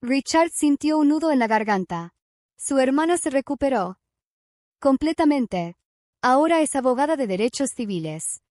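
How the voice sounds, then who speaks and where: A woman narrating a dramatic story in an even, measured reading. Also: sits high, dry recording, studio quality.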